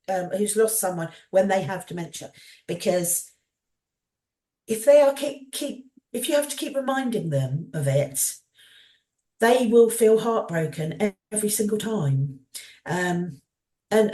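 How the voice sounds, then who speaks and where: A woman hosting a podcast, talking gently and thoughtfully, with lots of "um" and "you know". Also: mid-range voice. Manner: gentle, thoughtful, with frequent fillers. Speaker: podcast host. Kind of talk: conversational podcast chat. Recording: roomy, echoey sound.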